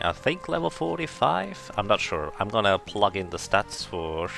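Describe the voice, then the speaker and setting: A man chats and thinks aloud while streaming a game, his low, gravelly voice squeezed into a sharp, tinny tin-can sound by a makeshift microphone. Faint game music plays underneath. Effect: tinny tin-can sound from a substitute microphone. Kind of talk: casual live game-stream commentary. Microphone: substitute microphone.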